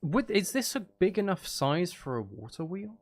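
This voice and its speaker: Very animated and high-pitched, this man talks at a moderate pace as he streams. In casual gaming livestream chat, he muses and questions himself while building, addressing viewers but mostly thinking aloud to himself.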